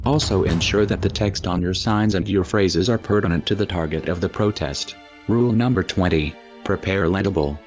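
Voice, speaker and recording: A man speaking through a disguised deep voice, reading a formal, scripted public statement as an anonymous spokesperson in a measured, instructive manner. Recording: dull lo-fi audio with faint music.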